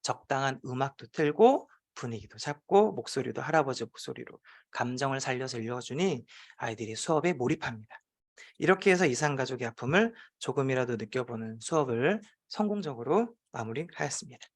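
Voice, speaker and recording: A man's voice: mid-range voice, lively intonation, brisk. A man, a teacher presenting at a forum, telling a playful classroom story with frequent hesitation fillers.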